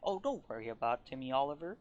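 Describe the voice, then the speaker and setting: A woman's voice: extremely low pitch, very animated, fast, dull audio, background noise. Woman doing a doting older shopkeeper lady. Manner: doting, sweet, cooing. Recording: game music behind the voice.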